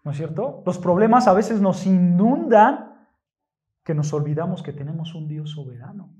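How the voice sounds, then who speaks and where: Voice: medium pitch, lively intonation, moderate pace, warm tone, muffled recording. Emphatic preacher. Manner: emphatic, rhetorical questions, addresses congregation often. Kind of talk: sermon. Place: church.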